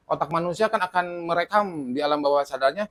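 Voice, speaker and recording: A man hosting a casual discussion, talking in a lively way, asking questions and building on his guest's answers. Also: on the high side, quick pace. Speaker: podcast host.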